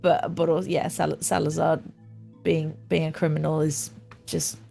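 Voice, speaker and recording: A woman's voice: sits low, little pitch movement, moderate pace, vocal fry, dark tone, soft background music. A woman player chatting casually in a hesitant, rambling way. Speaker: tabletop game player. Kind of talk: casual chat.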